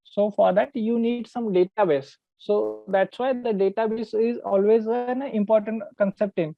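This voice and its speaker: A man's voice: high voice, steady tone, moderate pace, vocal fry, no echo, faint music behind. A man with an Indian accent teaches an online database lesson, explaining step by step and repeating his phrases. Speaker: database trainer. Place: online call with screen sharing. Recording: narrow phone-like call audio, dry.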